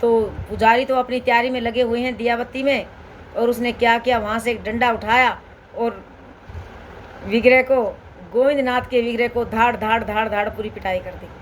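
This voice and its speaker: Lady telling a devotional story, gentle and homely, loops back on her words. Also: on the high side, steady tone, normal speed, a little hiss or hum, rough recording.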